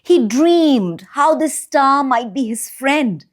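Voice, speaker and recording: Reading a bedtime story aloud, the children's storyteller and channel host uses a high-pitched voice, slow and very animated. Her phrasing is expressive and deliberate, with long pauses meant for young listeners.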